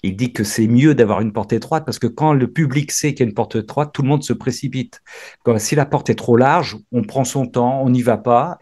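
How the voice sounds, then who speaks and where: A man leads a spiritual reading group with a husky, breathy edge to his voice. He is effusive, bursting into exclamations. His sentences often stumble and restart. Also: medium pitch, dark tone. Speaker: prayer group leader.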